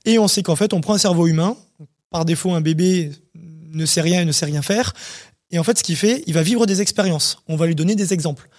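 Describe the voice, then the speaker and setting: A man's voice: sits high, a little fast. A man, a startup CEO, explaining his company in a casual interview, talking with many fillers.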